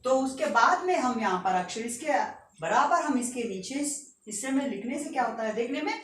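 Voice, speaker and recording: Woman teacher, school lesson, lively rising and falling pitch, fairly high voice, patient letter-by-letter recitation. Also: fairly quick. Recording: echoey room, distant mic, faint noise.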